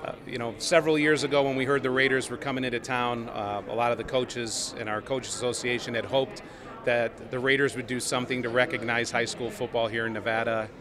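Man, forties, high school coach, earnest, rambling, lots of uhs, lapel mic, crowd chatter behind. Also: flat delivery, fairly quick. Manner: earnest, rambling with many fillers. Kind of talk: on-camera interview. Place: outdoor stadium plaza with crowd around.

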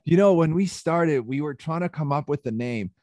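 A man's voice: on the high side, normal speed, dry recording. Casual guest: young man from Chile, band frontman, loose and laughing, dry close mic. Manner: relaxed, laughs often, many fillers. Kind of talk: casual interview chat.

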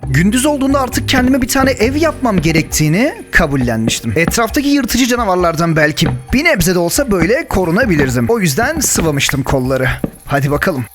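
High, lively young man gaming. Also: brisk, over music. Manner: jokey, panics and yells when chased. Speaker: gaming YouTuber. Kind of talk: Minecraft let's play with story narration.

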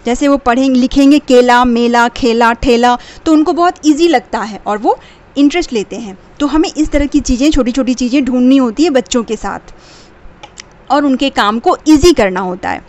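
A woman's voice: high-pitched, normal speed, a little mellow. A woman in her thirties teaching parents how to help young kids learn letter sounds, patiently spelling each sound out and slipping English phrases into her talk. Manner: mixes English phrases into Hindi. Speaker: teacher of a children's channel.

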